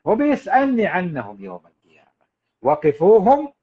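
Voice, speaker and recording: A man's voice: a little high, a little fast, muffled recording. A man giving a live parenting talk, preachy and emphatic, speaking straight to his listeners. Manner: animated, preachy, emphatic, addresses listeners directly. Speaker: parenting coach.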